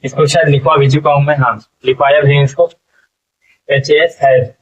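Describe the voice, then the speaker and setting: A husky man teaching an English phonics lesson, breaking words into letters and sounds and asking what each word becomes. He sounds a little distant from the mic. The recording is dull and lo-fi. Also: mid-range voice, fairly even intonation. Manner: spells words slowly, repeating and asking "what will it be?".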